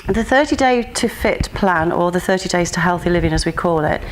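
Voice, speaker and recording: A woman answers interview questions in a slightly low voice. She explains things earnestly and at length, often pausing on "um" and "uh" as she goes. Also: lively intonation, a little hiss or hum. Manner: earnest, explanatory, with frequent fillers. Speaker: pageant contestant and nutrition coach.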